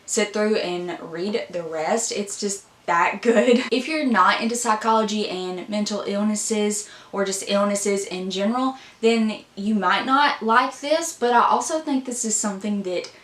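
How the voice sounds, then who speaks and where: A woman's voice: mid-range voice, measured pace, hardly any pauses, a bit bright. A woman talking casually to her viewers as a book vlogger, upbeat and chatty. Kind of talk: casual chat. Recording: roomy echo.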